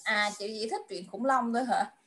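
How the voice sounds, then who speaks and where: A woman with a high, bright voice gives a child an online English lesson. She coaxes patiently and asks the same question again and again. Her English clues come out slowly and are drawn out word by word. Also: breathy edge. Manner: coaxing, repeats questions patiently. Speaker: tutor.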